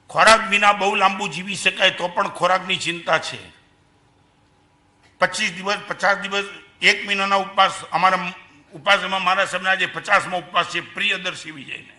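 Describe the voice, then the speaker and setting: High, bright-voiced older man preaching. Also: normal speed. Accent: Gujarati. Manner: animated preaching, swings between soft asides and loud emphasis; rhetorical questions to the audience. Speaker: Jain monk lecturer. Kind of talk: sermon to an assembly.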